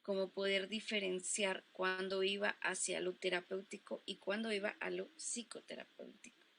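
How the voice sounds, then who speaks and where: A woman's voice: medium pitch, steady tone, normal speed, gravelly, fairly bright tone, slight background noise. A woman with a Mexican accent interviewing a guest, reflecting aloud with some hesitations. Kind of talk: interview, conversational.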